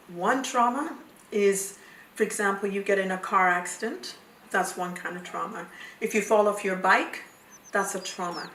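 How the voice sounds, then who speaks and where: A woman counsellor talks through her subject in a calm, measured, explanatory way. Her voice sits at an ordinary middle pitch. The mic is some distance away, and the room adds a noticeable echo. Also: slight background noise. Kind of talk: explaining to camera.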